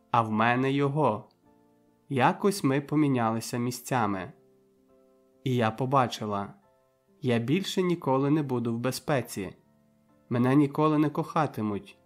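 A man reading an audiobook in a measured, dramatic first-person narration. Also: mid-range voice, soft background music. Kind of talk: scripted narration.

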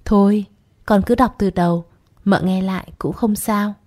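A woman voicing a gentle, caring mother in a spoken short story. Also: mid-range voice, steady tone, measured pace, lightly acted.

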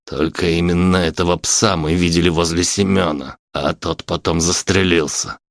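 A man voicing an angry, gruff old grandfather in an audiobook, barking his orders in a deep voice. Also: fairly even intonation, moderate pace, no echo, studio quality.

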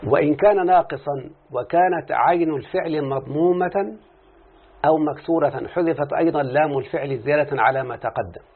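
A man's voice: on the high side, fairly quick, slightly rough. A man with an Egyptian Arabic accent teaching Arabic grammar in a classroom lesson, explaining step by step and often quizzing his students. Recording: tinny lo-fi phone-like recording.

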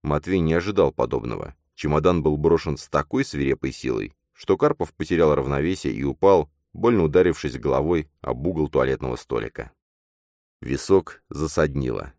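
A man's voice: very deep voice, lively intonation, normal speed, a little mellow, dry recording, studio quality. A man narrating a story expressively, as in an audiobook.

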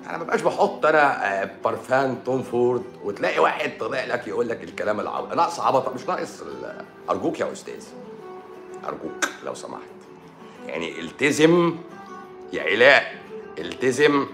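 Egyptian man, doctor on a live stream, sore throat, lively and sarcastic banter, echoey room. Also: low voice, vocal fry. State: sore throat and swollen eye. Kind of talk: casual live-stream chat answering comments.

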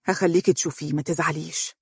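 A woman's voice: on the low side, darkish tone, breathy edge, no room sound. A woman voicing a kind Egyptian young man. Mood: reassuring. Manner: reassuring, quick.

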